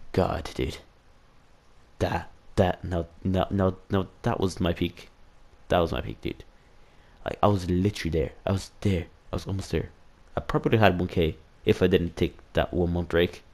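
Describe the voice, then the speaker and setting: A low-voiced man rambles through a casual year-in-review vlog as its host. He swears freely, keeps mocking himself, and tacks "dude" onto almost every line. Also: fairly even intonation, normal speed. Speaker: channel host.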